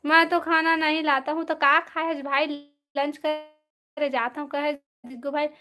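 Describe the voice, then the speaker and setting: A woman with a Chhattisgarhi accent hosting a casual live stream, reading out viewer comments and gently telling people off. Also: high voice, little pitch movement, a little slow. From Chhattisgarh, India. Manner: reads out and answers viewer comments, scolds gently.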